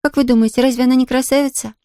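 An eager, chirpy little girl, as a woman reader puts her on for an audiobook, high-pitched and rattling quickly through her lines. The sound is dry and close. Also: steady tone, no echo. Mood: earnest. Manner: bright, chirpy and pleading. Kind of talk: audiobook character reading.

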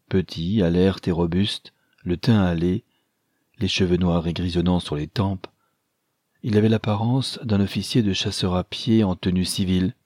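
A man reading a classic novel aloud as a narrator, measured and even. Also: deep voice, no room sound, studio quality. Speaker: audiobook narrator. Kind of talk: scripted narration.

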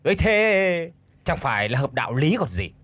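A man's voice: a little high, sing-song, moderate pace, a bit bright, dry recording, pitched above the performer's own voice. A male narrator voicing a drunk old village man who taunts with a sneer. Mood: mocking.

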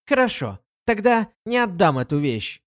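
A woman's voice: medium pitch, very animated, normal speed, dry recording, clean studio sound, voice pushed up, close to an everyday voice. A reader voicing a bratty, teasing young girl in a storybook reading. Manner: mocking, teasing.

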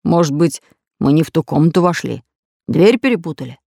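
A woman voicing a fat, red-bearded, bossy pirate captain in an audiobook, speaking in a gruff, commanding way. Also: low-pitched, expressive, a little fast, mellow, no room sound, studio quality, full character voice. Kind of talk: audiobook character voice.

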